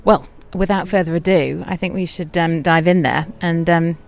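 A woman hosting a podcast outdoors, chatting in a relaxed and playful way. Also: lowish voice, moderate pace, gravelly. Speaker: podcast host. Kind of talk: casual chat. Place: outdoors on church steps.

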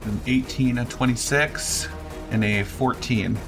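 A man's voice: mid-range voice, unhurried, music in the background. A man acting as game master, casually narrating combat and rulings in a tabletop role-playing game.

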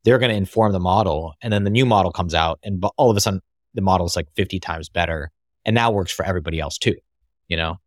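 A man's voice: low voice, quick pace, dry recording, clean studio sound. A man with an American accent talking casually as a podcast guest, rambling with lots of fillers and restarts. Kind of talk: casual conversation.

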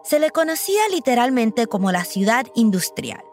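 A woman's voice: on the high side, animated, moderate pace, darkish tone, faint music behind. A woman hosting and narrating a documentary podcast in a personal, reflective storytelling manner. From Puerto Rico.

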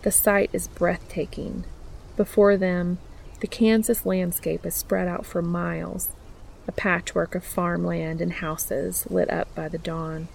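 A woman narrating a romantic story in a steady, even-toned reading. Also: fairly low pitch, takes it slowly, creaky, a little hiss or hum. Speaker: audiobook narrator.

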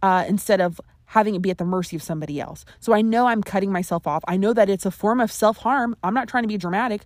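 A woman's voice: medium pitch, fast talker, no room sound. A young adult woman hosting a podcast, talking earnestly and conversationally with playful emphasis. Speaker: podcast host. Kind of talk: solo podcast talk.

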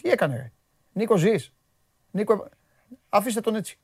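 A man hosting a sports talk show, chatting in an animated, joking way, his voice jumping high when he gets worked up. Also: slightly rough, no echo, studio quality. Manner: excitable, jokey, voice jumps high when worked up.

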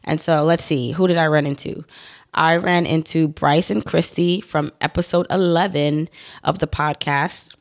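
Deep, steady, and unhurried, this podcast host's voice is still recovering from having been lost. She's in her thirties and talks alone on her show, upbeat and chatty, drifting into rambling asides.

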